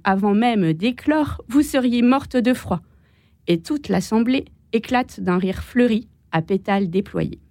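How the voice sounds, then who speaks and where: A woman's voice: medium pitch, no echo. Woman reciting a poem, dry studio. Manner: gentle, measured reading. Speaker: guest, painter. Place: radio studio.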